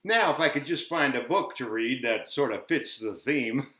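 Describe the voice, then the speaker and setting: A man's voice: mid-range voice, lively intonation, normal speed, a bit bright. A man hosting a children's show, chatting playfully with lots of giggles and reading a storybook aloud. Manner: giggly, talks to kids. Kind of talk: playful kids' show chat and read-aloud. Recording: roomy echo, faint music.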